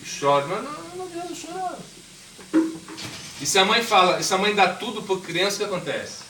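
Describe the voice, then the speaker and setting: A man's voice: sits high, quick pace, crowd noise. A man as swami giving an informal spiritual talk, conversational, asking the audience questions and acting out voices. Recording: echoey room, mic far off, noisy.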